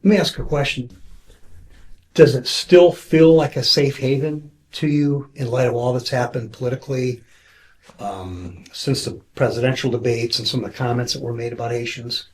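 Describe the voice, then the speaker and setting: A man talking with a church member in an earnest, quick way, often restarting his sentences. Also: mid-range voice, steady tone. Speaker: pastor interviewing a church member. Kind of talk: casual conversational interview.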